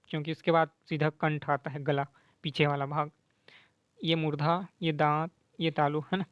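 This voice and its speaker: A man teaching grammar, explaining quiz answers slowly and repeating letters aloud, often asking "है ना?" and mixing in English words. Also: fairly high pitch, smooth, no room sound, lo-fi sound. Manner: slow, repetitive, checks in with "है ना?"; sounds out letters slowly to demonstrate.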